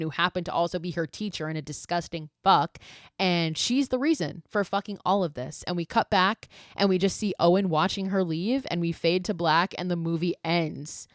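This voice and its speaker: A woman's voice: lowish voice, dry recording, studio quality. A woman hosting a podcast, recapping a horror film in a casual, blunt and sarcastic way with lots of swearing. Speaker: podcast host.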